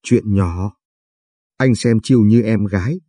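A man's voice: fairly low pitch, slow pace, warm tone, no room sound. A man voicing a caring young man who is earnest and worried, talking protectively in a storybook reading. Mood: reassuring, fretful.

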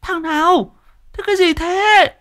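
A woman's voice: very high voice, unhurried, fairly bright tone. A woman doing a wailing old mother. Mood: frantic. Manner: lamenting, fretful cries. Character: wailing distraught elderly mother, grandmother.

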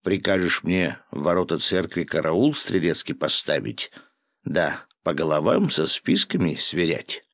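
A man voicing a gruff, domineering governor who barks orders and drinks hard, in a storybook reading. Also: sits low, animated, measured pace, fairly bright tone, dry recording, studio quality, exaggerated voice. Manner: gruff, barking, commanding.

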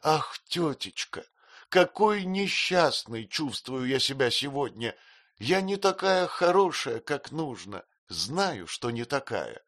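A man's voice: medium pitch, very animated, takes it slowly, fairly bright tone, pitched above the performer's own voice, heavily acted. A man reading an audiobook voices a tearful, childlike young woman who sobs and pleads. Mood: pleading. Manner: sobbing, pleading.

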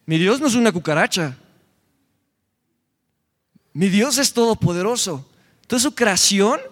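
Young Mexican male youth preacher, high voice, animated and joking, long hall echo. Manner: animated, joking, retells scripture in quoted voices. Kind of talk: sermon.

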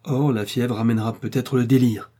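A man's voice: mid-range voice, close to an everyday voice. A man playing a grave country doctor. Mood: explaining. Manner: calm, deliberate, explaining. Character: calm elderly village doctor, sententious.

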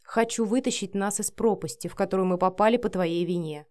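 A woman's voice: medium pitch, brisk, a little mellow, lightly acted. A woman reading the part of a cold, domineering young man who speaks curtly and with scorn in an audiobook. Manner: curt, commanding, sneering.

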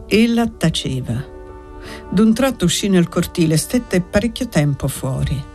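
A narrator reading a classic novel aloud in a calm, measured way. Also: mid-range voice. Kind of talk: audiobook reading.

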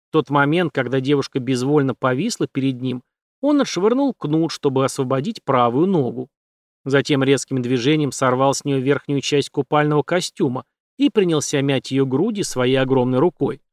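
A man narrating an audiobook in a steady, dramatic reading. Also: on the high side, moderate pace, no echo, studio quality. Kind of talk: scripted narration.

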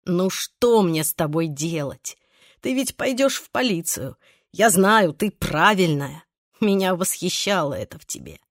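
A woman's voice: on the low side, expressive, a little slow, dry recording. An obsessive young man speaks in an audiobook, swinging between desperate pleading and cold threats, voiced by a woman narrator. The recording is dry and close, with no room sound.

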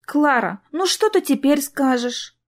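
A woman reading the lines of a brisk, teasing writer who schemes on her sister's behalf. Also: high voice, animated, pitched above the performer's own voice. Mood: coaxing.

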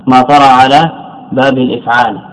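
A man's voice: mid-range voice, fairly even intonation, fast, fairly bright tone, poor audio. A middle-aged man teaching Arabic morphology as a scholar, repeating key phrases and putting questions to himself before answering them. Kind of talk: classical lecture explaining a text.

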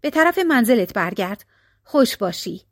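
A woman voicing a talking mother tiger in a storybook tale, gentle and measured. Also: on the high side, big pitch swings, no echo, studio quality. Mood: kindly.

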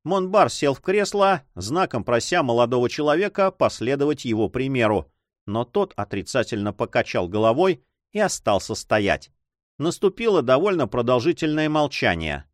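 A man narrating an adventure novel in a measured, expressive reading. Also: medium pitch, no echo, studio quality. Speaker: audiobook narrator.

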